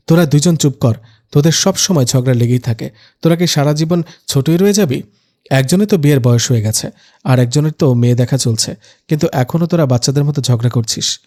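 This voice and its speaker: A man's voice: medium pitch, a little fast, dark tone, close to an everyday voice. A man voicing a middle-aged mother who scolds her squabbling children in a spoken storybook. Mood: scolding. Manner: scolding, firm. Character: stern but caring middle-aged mother.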